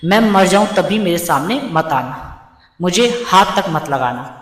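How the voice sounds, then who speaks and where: A woman's voice: fairly low pitch, expressive, unhurried. A woman voicing a bitter, stubborn elderly mother-in-law who scolds harshly in a storybook tale. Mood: angry scolding. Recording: roomy with long reverb.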